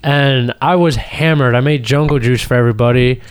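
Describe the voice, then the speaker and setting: A man's voice: medium pitch, brisk, clean tone. A young man co-hosting a podcast, telling casual stories in a slangy, sweary frat-bro manner. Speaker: podcast co-host. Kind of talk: casual banter and storytelling.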